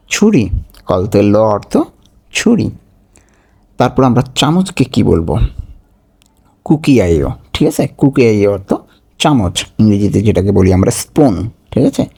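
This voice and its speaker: Mellow low-voiced man teaching vocabulary. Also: gravelly, husky. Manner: repeats each word slowly, asks checking questions. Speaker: language teacher. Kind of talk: vocabulary lesson.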